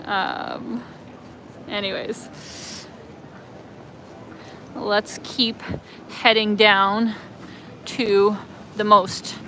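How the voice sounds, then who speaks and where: On a live phone stream from city streets, a travel vlogger with a Canadian accent gives a rambling walking-tour chat packed with fillers. Her medium-pitched voice is a bit bright, and the audio is poor with slight background noise.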